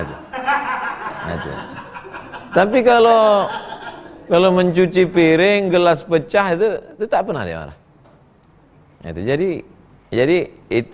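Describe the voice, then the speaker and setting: A middle-aged male preacher, answering questions from the audience in a folksy, joking way. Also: fairly high pitch. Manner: folksy, joking, animated storytelling. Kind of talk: humorous question-and-answer sermon.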